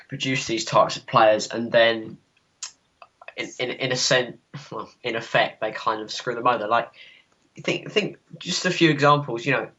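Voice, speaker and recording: Male podcast co-host, measured and hedging, muffled lo-fi sound. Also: medium pitch, bright, forceful tone. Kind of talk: casual football chat. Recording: dull lo-fi sound.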